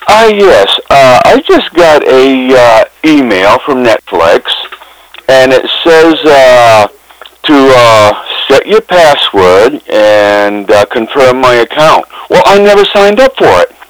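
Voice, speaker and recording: A man calling customer support by phone, plainspoken and halting as he explains himself. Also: mid-range voice, big pitch swings, poor audio. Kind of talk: customer service phone call. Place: on a phone call.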